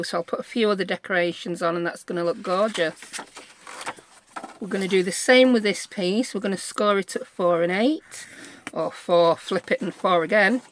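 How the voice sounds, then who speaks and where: Woman, British accent, casual craft tutorial host, chatty, thinking aloud, tag questions, mid-pitched voice. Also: fairly bright tone, a little hiss or hum. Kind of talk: casual step-by-step craft demonstration.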